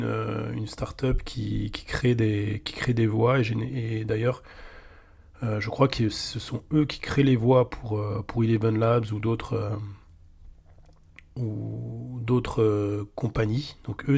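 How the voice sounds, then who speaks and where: In this screen-recorded software tutorial, a male host with a gravelly, somewhat dark, mid-range voice casually guides the viewer through an AI video tool. He speaks directly and informally, addressing the viewer as "tu," hesitating often and using plenty of fillers.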